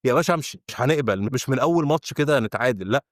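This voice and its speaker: A young Egyptian man rants at a breakneck clip as a football fan reacting to a match, exasperated and insistent. His voice sits at an ordinary middle pitch. The sound is dry and close, with no room around it. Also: lively intonation, no room sound. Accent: Egyptian Arabic. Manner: frustrated, exasperated, rapid and insistent. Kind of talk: heated fan reaction rant.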